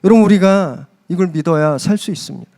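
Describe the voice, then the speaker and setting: High-voiced man preaching a sermon. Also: animated, fast, darkish tone. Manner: emphatic preaching, pitch climbing on key phrases. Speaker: pastor. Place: church service.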